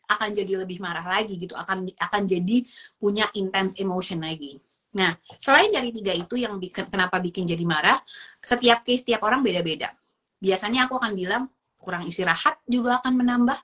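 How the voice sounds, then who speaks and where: Husky, chatty woman explaining parenting. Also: mid-range voice. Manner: lively, acts out little dialogues in shifting voices; chatty, uses fillers and English words. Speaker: parenting educator. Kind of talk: casual explainer talk.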